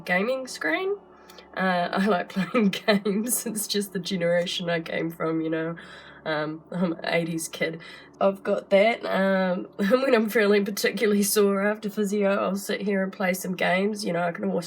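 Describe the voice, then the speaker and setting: A woman's voice: on the low side, vocal fry, a little hiss or hum. A woman in her thirties, chatty and rambling with fillers and laughs, vlogging casually from her home art desk while her voice sounds sick. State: sick, rough voice. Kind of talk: casual vlog to camera.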